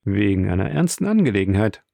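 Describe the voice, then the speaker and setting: Guy voicing a calm rich count, smooth and ironic, low gravelly dark tone. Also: quick pace, no room sound, full character voice. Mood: calm, courteous. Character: suave wealthy count, calm and commanding. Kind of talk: audiobook character reading.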